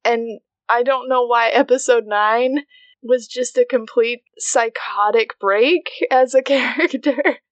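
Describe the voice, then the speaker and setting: A woman with a slightly high voice co-hosts a casual podcast, recapping a drama in an animated way. She laughs often and acts out the characters' lines. The sound is dry and close. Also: slow, dry recording, muffled recording. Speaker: podcast co-host.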